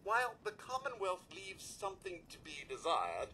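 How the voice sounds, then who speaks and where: Codsworth, a bright, lively polite robot butler. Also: male voice, high voice, normal speed, a little hiss or hum, heavily acted. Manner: formal, courteous, addresses listener as sir. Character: polite male robot butler, loyal and cheerful. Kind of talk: video game character dialogue.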